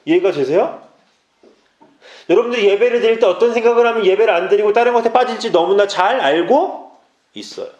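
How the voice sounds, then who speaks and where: A man's voice: high-pitched, a little fast, a little mellow, echoey room. A man preaching as a junior pastor, pleading with his listeners directly and mixing urgent exhortation with playful asides. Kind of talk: youth sermon. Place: church sanctuary.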